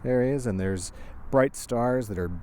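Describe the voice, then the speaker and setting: A man's voice: medium pitch, measured pace, warm tone, a little hiss or hum. A man, an astrophotographer guest, answering interview questions in a plain, earnest, explaining way.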